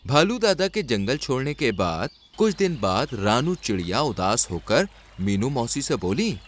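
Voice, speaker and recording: A man's voice: medium pitch, measured pace, slight background noise. A man narrating a children's cartoon story expressively. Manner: expressive and lively.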